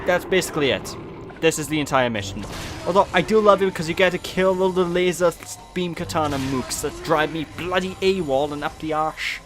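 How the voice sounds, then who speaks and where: A young Welsh man giving chatty, animated let's play commentary over a video game. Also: fairly high pitch, fairly quick. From Wales. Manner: chatty, animated, prone to silly put-on voices. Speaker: gaming channel host. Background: game music and sound effects.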